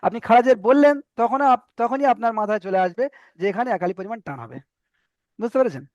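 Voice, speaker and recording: In an online Arabic reading lesson, a man with a fairly high voice teaches Quran reading, drilling letters and vowel marks over and over. He talks fast yet stays patient and steady. The recording is dry and slightly dull, like a lo-fi call.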